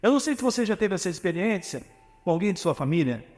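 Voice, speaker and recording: A Brazilian man preaching a sermon in a notably high voice, pressing his points with rhetorical questions. His words ring out with the long reverb of a church hall. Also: big pitch swings, fast talker, darkish tone. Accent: Brazilian Portuguese. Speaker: pastor. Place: church sanctuary.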